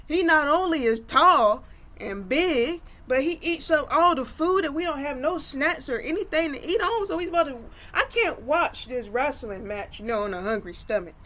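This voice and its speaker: A narrator voicing a loud, rude young man who complains about everything in an oral story. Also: high-pitched, animated, normal speed, pitched above the performer's own voice. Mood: griping.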